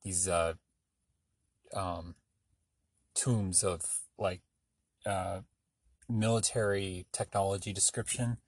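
A man's voice: low-pitched, fairly even intonation, slow, long pauses, slightly rough, no room sound. A man hosting his own podcast, talking casually and meandering from thought to thought with many filler sounds. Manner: rambling, meandering, filler-heavy; offhand, self-deprecating. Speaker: podcast host. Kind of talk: solo casual monologue.

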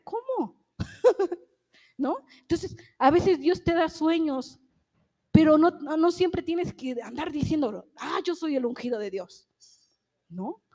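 Woman preacher, high voice, casual sermon style with lots of tag questions. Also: lively intonation, unhurried, dark tone. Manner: chatty, constant tag questions, acts out quoted voices. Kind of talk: conversational church sermon.

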